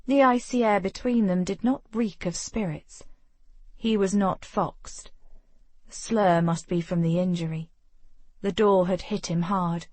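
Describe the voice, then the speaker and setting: Woman audiobook narrator, unhurried, steady, dry studio sound. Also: mid-range voice, dry recording. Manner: measured, steady storytelling. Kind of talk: scripted narration of a historical romance.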